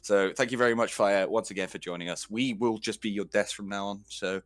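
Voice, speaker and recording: Low-voiced chatty esports host, dry sound. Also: male voice, brisk, no echo. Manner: relaxed, chatty, laughs often, filler words. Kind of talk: casual esports commentary.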